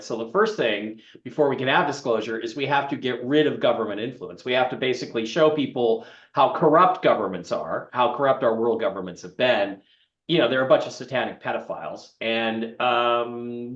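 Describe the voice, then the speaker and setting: Emphatic man on an echoey, dull line. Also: medium pitch. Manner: emphatic, opinionated, animated. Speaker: host. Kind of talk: casual interview chat. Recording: echoey, dull lo-fi remote audio.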